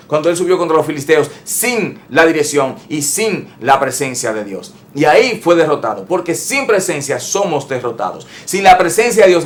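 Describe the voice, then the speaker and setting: A man pastor preaching an emphatic sermon, repeating phrases and speaking straight to his listeners as brothers. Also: on the high side. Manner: addresses listeners directly as brothers.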